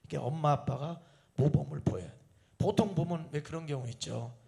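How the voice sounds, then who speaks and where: A man's voice: a little high, normal speed, creaky, dark tone. A man preaching a sermon at an evening prayer meeting. He addresses the congregation with rhetorical questions and acts out family dialogues in different voices. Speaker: pastor.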